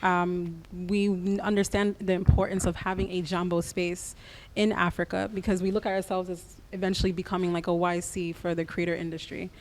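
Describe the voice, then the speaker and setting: As a radio interview guest, a woman who grew up in the United States talks about her creative business practically and with measured care. Her voice is low-ish and darkish in tone, with little pitch movement.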